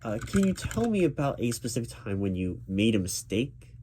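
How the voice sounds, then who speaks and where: This medium-pitched male voice belongs to someone acting as a job interviewer in ASMR roleplay, spoken rather than whispered. The tone reassures, though the speech stalls and doubles back on words. A constant patter of computer typing fills the background.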